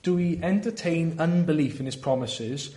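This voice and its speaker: A man with a Welsh Valleys accent preaching a sermon in an earnest, deliberate way, often posing rhetorical questions. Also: fairly high pitch, warm tone. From South Wales valleys.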